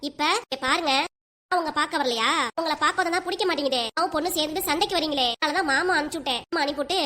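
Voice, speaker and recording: Pushpa, a fiery daughter-in-law. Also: female voice, high-pitched, fast talker, pushed and bright. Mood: accusing. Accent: southern Tamil Nadu. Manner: scolding, confrontational. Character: angry young daughter-in-law, sharp-tongued and accusing. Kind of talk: cartoon family comedy dialogue.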